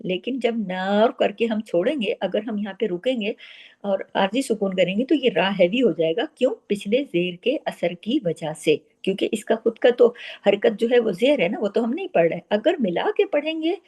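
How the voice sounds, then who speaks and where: A woman teaching Quran recitation rules, explaining step by step and then reciting words slowly and drawn out. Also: medium pitch, expressive, darkish tone, husky. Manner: asks the listener quick questions and answers them herself. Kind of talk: tajweed lesson with slow demonstrated recitation.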